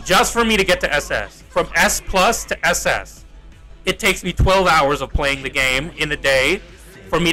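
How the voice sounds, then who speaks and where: This young Australian streamer has a high, bright voice with a forceful tone, heard on a rough recording. He chats casually with viewers while playing a mobile game, rambling and exasperated, swearing and repeating himself.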